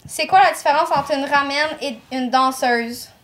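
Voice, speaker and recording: Playful Quebec French woman, slightly high voice. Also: moderate pace, background noise. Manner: playful, teasing. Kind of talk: casual chat.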